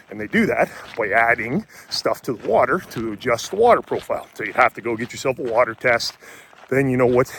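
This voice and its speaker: A man of middle pitch talks casually while out walking, breathing hard from the effort. He is blunt and chatty, swears now and then, and often restarts his sentences. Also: a bit bright, a little hiss or hum. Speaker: homebrewing vlogger and brew pub owner.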